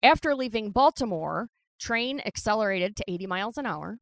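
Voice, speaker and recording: A woman co-hosting a podcast, recounting a history story in casual chat as a lively storyteller who holds her ground against interruptions. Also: medium pitch, a little fast, no echo. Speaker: podcast co-host.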